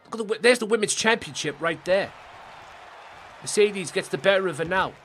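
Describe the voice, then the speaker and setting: Excitable man streaming game commentary. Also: sits high, brisk, some chatter behind, slight background noise. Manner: excitable, swears freely; talks to chat viewers.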